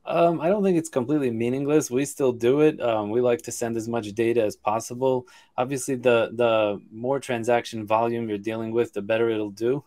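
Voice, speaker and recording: A man's voice: medium pitch, steady tone, fairly quick, warm tone. A man who is a guest on a casual podcast, explaining things steadily with ums and repeated words. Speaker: guest expert.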